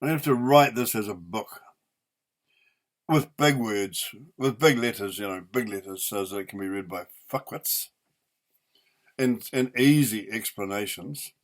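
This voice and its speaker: A man's voice: on the low side, measured pace. An older man in his eighties with a New Zealand accent, ranting off the cuff in an indignant, emphatic, sweary way, leaning hard on stressed words. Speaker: opinionated vlogger. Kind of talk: unscripted angry rant.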